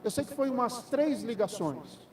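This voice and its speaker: A man's voice: very high voice, sing-song, normal speed, a little hiss or hum. A man with a Brazilian Portuguese accent preaching in church, telling a personal story and addressing the congregation as brothers. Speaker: pastor. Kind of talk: sermon testimony.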